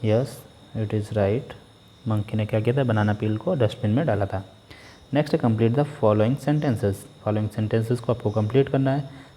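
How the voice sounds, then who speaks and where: Man, teacher, Indian English accent, low mellow voice, unhurried lesson delivery. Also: a little hiss or hum. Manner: slow read-aloud English, quick Hindi explanations. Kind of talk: textbook lesson explanation.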